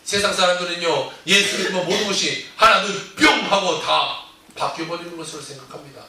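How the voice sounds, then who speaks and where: A man's voice: sits high, a little fast. Man preaching in an echoey church. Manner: animated storytelling, acting out disciples' cries. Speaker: pastor. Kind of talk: sermon. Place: church sanctuary. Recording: echoey church hall, distant mic.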